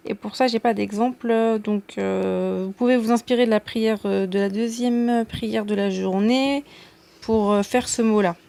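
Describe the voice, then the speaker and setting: A woman's voice: mid-range voice, fairly even intonation, a little slow, creaky, mellow. A woman giving a casual video lesson as a language teacher, chatty and self-deprecating, with frequent hesitations and an encouraging tone. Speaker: Arabic teacher.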